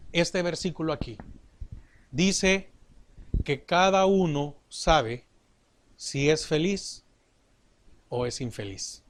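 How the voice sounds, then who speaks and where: Slow, deliberate male preacher. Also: fairly high pitch. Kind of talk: sermon.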